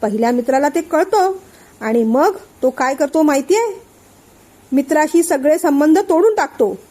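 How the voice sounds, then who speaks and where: A woman's voice: high-pitched, lively intonation, normal speed, dark tone. A woman voicing a hot-tempered suspicious young man. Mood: angry, suspicious. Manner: accusing, hot-tempered questioning.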